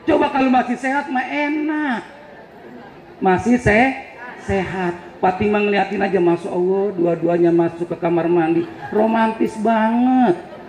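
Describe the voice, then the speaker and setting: Joking preacher in an echoing hall. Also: male voice, sits high, measured pace, darkish tone, slight background noise. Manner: joking, storytelling, teasing. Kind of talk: humorous sermon. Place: event hall on a campus. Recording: echoey hall with faint crowd.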